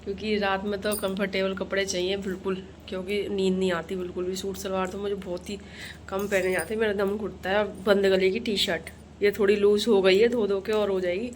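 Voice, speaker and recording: A woman's voice: medium pitch, little pitch movement, a little fast, a little hiss or hum. Chatty young woman vlogging her chores. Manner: chatty, rambling, talks while doing chores. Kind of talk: casual home vlog chat. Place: home kitchen and rooms.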